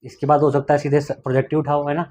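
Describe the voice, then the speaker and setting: A man's voice: a little high, little pitch movement, rapid-fire, darkish tone. A man hosting a podcast, talking in an encouraging, somewhat preachy motivational way. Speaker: podcast host. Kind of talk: motivational interview talk.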